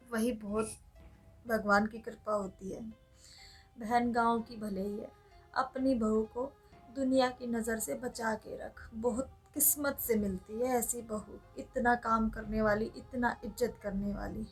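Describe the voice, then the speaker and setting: Brief: calm, patient Haryanvi mother-in-law, high voice, played by an actress. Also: breathy edge. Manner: calm, resigned. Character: patient middle-aged mother-in-law, resigned. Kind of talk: comedy skit acting.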